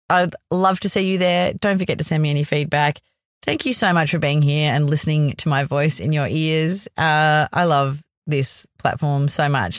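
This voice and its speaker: A woman's voice: low voice, smooth, no echo, studio quality. A woman hosting a podcast in an informal, rambling solo monologue, speaking earnestly and encouragingly to her listeners. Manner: effusive, encouraging. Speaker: podcast host.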